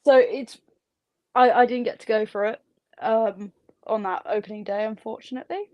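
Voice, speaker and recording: A woman's voice: a little high, fairly even intonation, moderate pace, no room sound, lo-fi sound. A woman theme park ride operator, chatting candidly as a guest in a studio interview. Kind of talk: casual interview chat.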